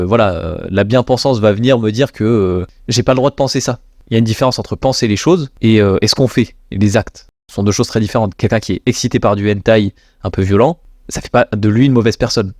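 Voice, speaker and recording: A man's voice: medium pitch, a little mellow, no echo, studio quality. A young man with a French accent hosting his own podcast, talking casually with many fillers. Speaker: podcast host. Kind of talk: casual monologue.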